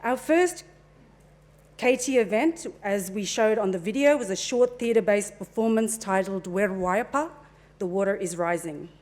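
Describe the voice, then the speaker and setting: Presenting at a forum in a meeting room, a middle-aged woman holds a handheld mic and talks at normal speed in a middle pitch. She keeps things relaxed and chatty, sprinkling in fillers and little asides.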